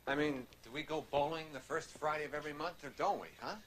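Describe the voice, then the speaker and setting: A man's voice: on the high side, fairly even intonation, quick pace, a bit bright. A teasing middle-aged father on old VHS tape. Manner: casual, teasing, talks in asides. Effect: old VHS tape audio with hiss. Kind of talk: TV movie acting.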